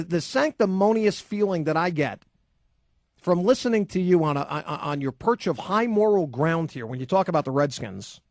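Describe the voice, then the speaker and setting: A man's voice: on the high side, a little mellow, no echo, studio quality. A man hosting a sports talk radio show, ranting in a combative, sarcastic, emphatic way and then taking calls. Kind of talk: opinionated talk radio rant. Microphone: studio microphone.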